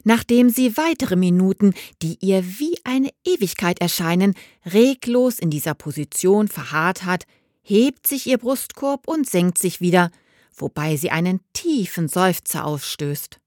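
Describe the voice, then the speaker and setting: Expressive woman narrating a novel. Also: fairly low pitch, dry recording, clean studio sound. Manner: expressive, measured storytelling. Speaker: audiobook narrator. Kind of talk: scripted narration.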